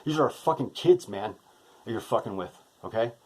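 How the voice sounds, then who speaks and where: A man's voice: fairly low pitch, expressive, brisk, darkish tone, slightly rough. A shaken man delivering an impassioned, profane monologue to camera, often ending phrases with a tag question. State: emotionally shaken. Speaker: vlogger.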